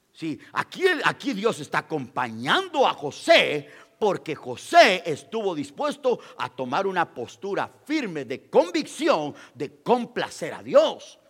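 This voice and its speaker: A male pastor preaching a sermon, repeating phrases for emphasis and swinging between loud proclamations and quiet asides. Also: high-pitched, slightly rough, in a large hall. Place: church.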